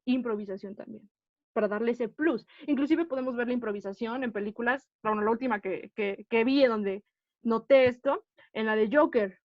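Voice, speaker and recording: A woman's voice: fairly high pitch, no echo. A woman teaching an acting class, explaining patiently and often checking that the students follow. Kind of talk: online class lecture. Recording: dull, dry lo-fi audio.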